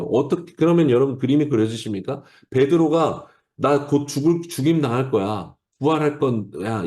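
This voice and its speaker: A man's voice: medium pitch, warm tone. A male pastor preaching an early-morning sermon, explaining a Bible passage in an earnest way and speaking directly to his listeners. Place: church or home, streamed to an online service.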